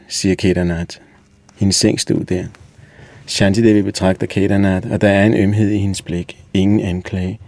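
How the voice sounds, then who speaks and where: A man reading a story aloud in calm, even audiobook narration. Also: low-pitched, dry recording. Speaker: reader.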